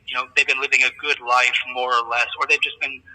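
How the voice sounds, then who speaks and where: A man's voice: medium pitch, little pitch movement, fast, pushed and bright. Man preaching over an echoey jail phone. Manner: fervent, preaching monologue. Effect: calling in on a jail phone line. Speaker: interview guest. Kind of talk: impassioned commentary. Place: jail cell block.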